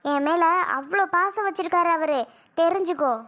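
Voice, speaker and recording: A woman's voice: moderate pace, fairly bright tone. A woman voicing an injured young wife in a cartoon, who is furious and scolds sharply. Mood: angry. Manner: shrill, scolding, exasperated. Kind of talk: cartoon voice acting.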